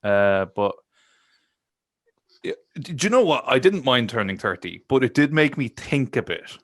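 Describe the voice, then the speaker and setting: A man's voice: mid-range voice, very animated, moderate pace, no echo, studio quality. A man of thirty, chatting casually and thinking aloud on a podcast, with lots of fillers and restarts. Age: 30s. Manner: rambling, reflective, many fillers and restarts. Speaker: podcast co-host. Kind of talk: casual chat.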